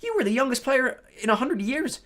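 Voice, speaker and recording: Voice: high-pitched, very animated, fairly quick, a bit bright, voice pushed up. A reader voicing an eager, star-struck young schoolboy who gushes breathlessly and trips over his words. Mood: excited, gushing.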